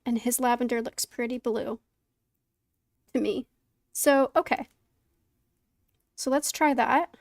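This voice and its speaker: A woman thinks aloud casually as she streams her painting, a little flustered and self-deprecating. Her voice sits fairly high with strong vocal fry, and the sound is dry. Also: steady tone, slow, pauses often, no echo. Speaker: streamer painting along to a tutorial.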